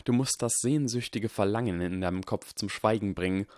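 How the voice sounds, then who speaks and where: An earnest young wizard lays out his reasoning in a calm, measured way, read by a man. The voice sits fairly low and the sound is dry and close. It has the feel of a storybook reading. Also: no echo, lightly acted. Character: calm, earnest boy wizard lecturing on science.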